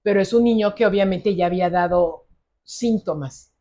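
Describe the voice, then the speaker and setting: A woman's voice: medium pitch, normal speed, warm tone. A middle-aged woman psychologist with a Mexican accent, telling a case story in a conversational interview and acting out the dialogue. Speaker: psychologist specializing in ADHD.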